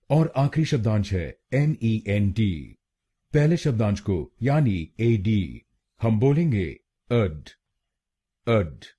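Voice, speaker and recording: Slow, careful Indian man teaching. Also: fairly low pitch, dark tone, husky. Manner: slow, careful, repeats each syllable. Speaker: pronunciation teacher. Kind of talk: scripted tutorial narration.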